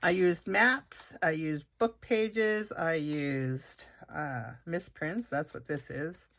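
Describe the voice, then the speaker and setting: Low-voiced woman, chatty craft show-and-tell. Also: takes it slowly, fairly bright tone. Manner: chatty, rambling, frequent restarts and "uh". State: has a cold, coughing and hiccups. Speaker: craft video host.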